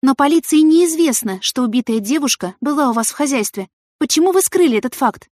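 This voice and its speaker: A woman's voice: high voice, lively intonation, brisk, darkish tone, dry recording, clean studio sound, pitched above the performer's own voice. A woman voicing a curious, meddling young woman who asks eager questions. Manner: eager, inquisitive.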